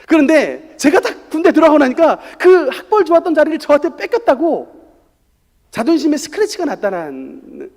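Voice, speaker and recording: A middle-aged male pastor delivers a Sunday sermon and tells his story with animated, swinging intonation. His voice sits high for a man and jumps around a lot. The sanctuary adds a long, hanging reverb. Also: moderate pace. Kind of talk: sermon with personal testimony. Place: church sanctuary. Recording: church hall reverb.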